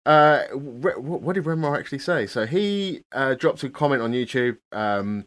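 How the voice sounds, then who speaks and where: A man hosting a podcast, talking in a relaxed, halting way. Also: mid-range voice. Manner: relaxed, hesitant with many ums and restarts. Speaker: podcast host. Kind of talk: casual podcast chat.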